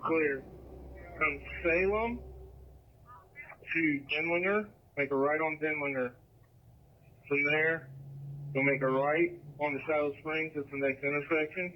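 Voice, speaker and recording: A man's voice: on the high side, measured pace, pauses often. A man acting as fire incident commander, giving clipped, businesslike calls over a two-way scanner radio. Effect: heard over a two-way scanner radio. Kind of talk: emergency radio traffic. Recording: muffled scanner radio transmission.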